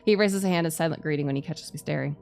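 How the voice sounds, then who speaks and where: Female streamer reading a visual novel aloud; low, gravelly edge, dramatic delivery, music underneath. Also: racing, a little mellow. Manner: stumbles over hard words and repeats them. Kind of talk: dramatic narration of game text. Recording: music behind the voice.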